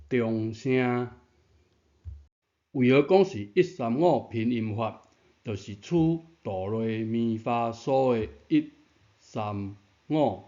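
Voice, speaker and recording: A man's voice: mid-range voice, mellow. A man giving a patient pronunciation lesson, repeating key points and asking rhetorical questions. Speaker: Taiwanese language teacher. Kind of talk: explanatory lesson narration. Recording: dull lo-fi sound.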